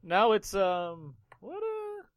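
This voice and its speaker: A man's voice: high-pitched, huge pitch swings, slow, dry recording, lo-fi sound. A man hosting a casual podcast, playful and running a movie quote quiz. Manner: playful, reads quotes in put-on impressions. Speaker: podcast host.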